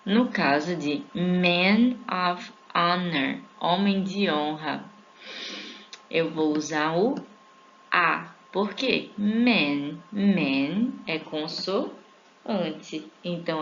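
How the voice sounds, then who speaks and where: A woman's voice: fairly low pitch, a bit bright, muffled recording, a little hiss or hum. A Portuguese-speaking woman teaching an online English grammar lesson, casual with her viewers and drawing out each English example word. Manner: informal, addresses viewers as a group; stretches out English example words slowly.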